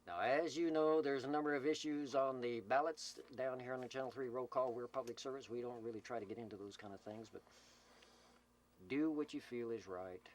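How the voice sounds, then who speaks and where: Brisk and mid-range, a man's voice carries slight background noise as he hosts a CB radio roll call in Slab City, California, a desert camp. Filmed while talking into the CB mic, he delivers folksy, improvised announcements in a rambling, joking, teasing manner.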